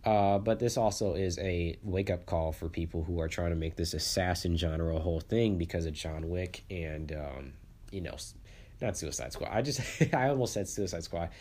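A man's voice: deep voice, normal speed, darkish tone. A man hosting a casual solo movie podcast, rambling and repeating words, congested and sniffling with the flu.

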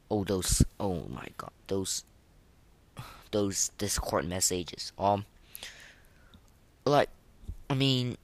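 In a mid-range voice, a podcast host gives casual gaming commentary and ratings, speaking haltingly and repetitively with plenty of slangy enthusiasm.

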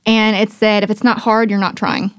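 A woman with a mid-pitched voice hosts a casual faith podcast, encouraging and affirming her guest. Her voice is recorded close and dry, with no room echo. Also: flat delivery, moderate pace, clean tone. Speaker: podcast host.

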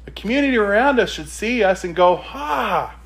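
A male preacher delivers a sermon with a high voice that leaps up and down. He leans hard on key words and keeps asking the congregation rhetorical questions. His reading of scripture flows straight into plain exhortation. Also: expressive, fast.

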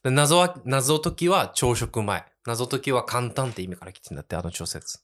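A man co-hosting a casual podcast, animated and teasing as he chats. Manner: animated, teasing, quick jumps in pitch. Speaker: co-host, regular guest. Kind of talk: casual chat.

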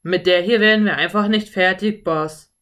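A woman voicing rough male cowboys, loud and grumbling. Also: medium pitch, normal speed, lightly acted. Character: rough adult male cowboys, gruff horse thieves.

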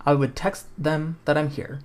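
A man's voice: on the high side, flat delivery, normal speed, darkish tone. Young man reading a game aloud, self-mocking. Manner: reads choices aloud, wry self-mocking asides, laughs. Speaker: podcast host. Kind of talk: casual playthrough of a choose-your-own-adventure game.

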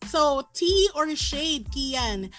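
Bubbly high-voiced Filipino woman. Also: lively intonation, drawn-out words, over loud music. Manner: bubbly, laughs often, mixes English and Tagalog. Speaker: co-host. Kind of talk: casual talk-show chat.

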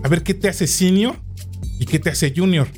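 Man reading aloud, slightly high. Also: normal speed, a little mellow, soft background music. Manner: reads aloud, then jokes. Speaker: host reading a job posting. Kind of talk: casual chat.

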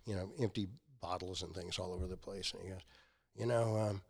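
A man in his sixties, a company founder appearing as a guest, tells stories casually and acts out the quotes with animation. His voice is low, gravelly and fairly quick.

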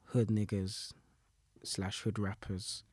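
A young man with a London roadman accent, Multicultural London English, chats casually about music in loose street slang, repeating his phrases a lot. His voice is lowish, level, slow and darkish, captured in studio quality with no echo.

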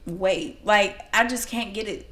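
This young podcast co-host talks casually in an unhurried, medium-pitched voice with a fairly bright tone. She rambles, seems self-conscious, laughs often and lisps slightly.

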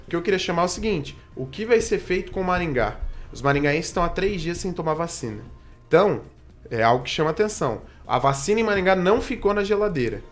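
Quick, high-voiced man arguing. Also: lively intonation. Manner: emphatic, argumentative. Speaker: radio commentator. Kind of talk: heated debate.

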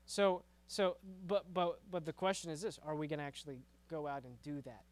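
A man's voice: fairly high pitch, fairly quick. A man preaching to a youth group in a casual, conversational way, often repeating words and checking in with "right?". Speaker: youth pastor.

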